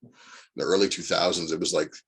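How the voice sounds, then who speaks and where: A guest actor in his forties from Indiana, USA, chats casually in an interview, telling long, rambling stories packed with fillers. His deep voice is husky and a bit bright with vocal fry, fast-paced, with fairly even intonation.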